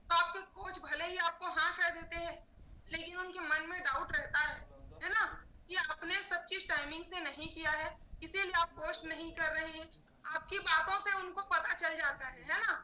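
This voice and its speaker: A woman's voice: very high voice, bright, forceful tone, slight background noise, low-quality recording. A woman hosting an online wellness club session, coaxing her listeners and often tagging lines with a questioning "है ना". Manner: coaxing, repeats "है ना" to the audience. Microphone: video call.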